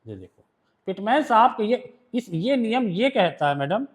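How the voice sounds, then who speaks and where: Indian man, shorthand teacher, fairly high voice, reads rules out slowly, then explains them patiently. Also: sing-song. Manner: explains step by step, often checks if students understood. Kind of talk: classroom lesson.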